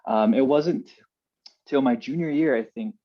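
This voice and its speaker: A young man from Hawaii, an interview guest telling a personal story in a relaxed, earnest way with many fillers. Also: medium pitch, measured pace. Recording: dull lo-fi sound.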